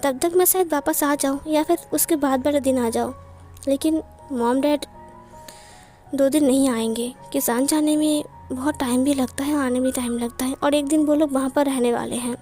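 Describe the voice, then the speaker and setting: A practical young man talks briskly and plainly, as a woman voices him. The tone is high and mellow. Faint music sits under the telling. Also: fairly even intonation, natural voice.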